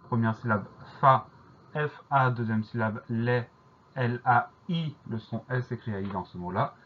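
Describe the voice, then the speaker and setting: A man teaching a French spelling dictation lesson, spelling each word out letter by letter in a slow, deliberate way. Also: mid-range voice, narrow, tinny audio.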